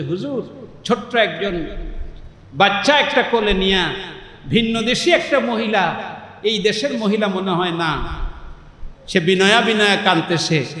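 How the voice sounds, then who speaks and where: A male preacher with a Bangladeshi Bengali accent tells a story in a chanting, sing-song sermon style, breaking into loud cries. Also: high voice. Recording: echoey hall, long reverb.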